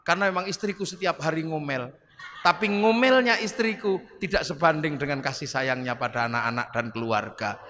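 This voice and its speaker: A preacher voicing a stern, resigned old leader. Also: male voice, on the high side, a little fast, noisy background, voice pushed down, natural voice.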